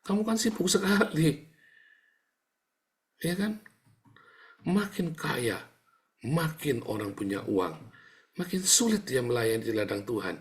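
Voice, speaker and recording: A man preaching a sermon. He talks to his listeners like a chatty teaser, breaks into sound-effect words, and swings between booming outbursts and soft asides. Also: sing-song, takes it slowly, pauses often. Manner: addresses listeners as "saudara", chatty and teasing. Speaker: pastor.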